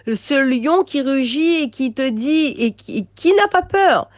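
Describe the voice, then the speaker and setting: A woman giving an inspirational religious talk to women, emphatic and repetitive, moving between soft passages and raised ones. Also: high-pitched, expressive, unhurried, no room sound, muffled recording. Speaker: religious teacher addressing women.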